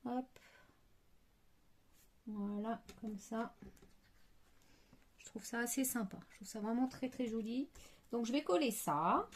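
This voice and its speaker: A woman talks slowly through a card-making tutorial, her voice sitting a little high. She hesitates and thinks aloud as she works, over a faint hiss. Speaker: crafting tutorial host.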